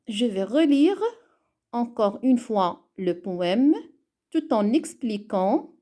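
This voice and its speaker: A woman teaching a reading lesson online, deliberate and spelling things out step by step. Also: a little high, darkish tone. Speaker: primary school teacher.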